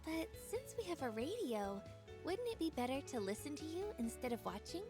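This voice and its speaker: An actress voicing a cheerful, kind young female shopkeeper in game dialogue, reacting with curious, expressive questions. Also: high-pitched, brisk, over music.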